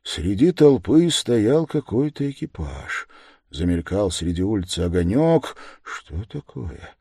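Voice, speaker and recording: A man narrates an audiobook in a measured way, sinking low and quiet on the reflective lines. His voice sits low but moves a lot in pitch. The recording is dry and close. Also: sing-song, slightly rough, no echo. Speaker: audiobook reader. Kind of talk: scripted narration.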